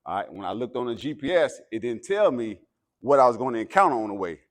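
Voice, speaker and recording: A man's voice: medium pitch, fast talker. An American man delivering a pregame pep speech as a guest motivational speaker, preacherly and emphatic. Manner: preacherly, emphatic, builds from calm talk to loud exhortation.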